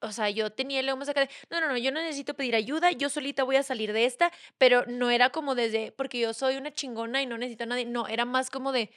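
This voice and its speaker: A woman's voice: high-pitched, fairly even intonation, fast, hardly any pauses, a bit bright, dry recording, clean studio sound. A young woman with a Mexican accent, a podcast guest talking candidly and acting out the voices of her family and friends. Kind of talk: casual chat.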